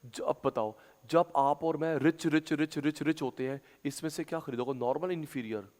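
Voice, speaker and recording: A male teacher giving a classroom lecture, drilling terms through loud, chanted call-and-response repetition. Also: fairly high pitch, moderate pace. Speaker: commerce teacher. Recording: long hall reverb.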